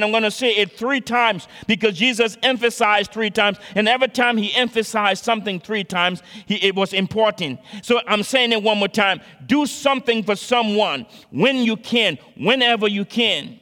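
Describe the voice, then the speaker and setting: High bright-voiced male preacher, hall echo. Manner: repeats phrases for emphasis, earnest exhortation. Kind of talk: sermon.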